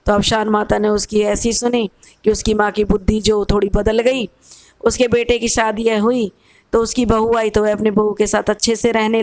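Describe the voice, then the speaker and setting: A woman's voice: mid-range voice, dry recording, rough recording. A woman casually telling a devotional folk tale in a homely way, repeating herself and leaning on fillers.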